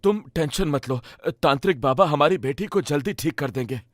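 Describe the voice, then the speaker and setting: Caring, anxious father pigeon for a cartoon, slightly high voice, a man voicing him. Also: expressive, moderate pace, no room sound, clean studio sound, lightly acted. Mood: reassuring. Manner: anxious, scolding gently. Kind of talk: Hindi cartoon voice acting.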